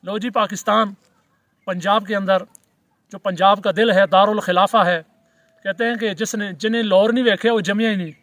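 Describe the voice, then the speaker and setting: A middle-aged cleric talks in a notably high voice, recorded close and dry with no room sound. He lays out religious commentary with a sarcastic, mock-praising edge, wrapped in formal courtesy. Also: fairly bright tone, dry recording. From Pakistan. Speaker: cleric and mufti.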